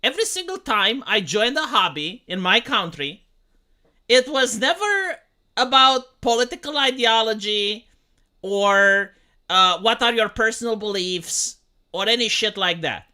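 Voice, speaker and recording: Streamer in their 30s, bright voice, swears a lot, keeps restarting. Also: mid-range voice, lively intonation, measured pace. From Romania. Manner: rambling, profane, full of restarts. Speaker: livestreamer. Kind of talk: casual livestream commentary.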